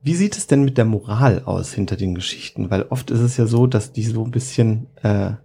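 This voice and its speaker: Dark, husky-voiced male interviewer. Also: on the low side, brisk. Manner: agreeable, reflective, many affirmations. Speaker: interviewer, church worker. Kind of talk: conversational interview.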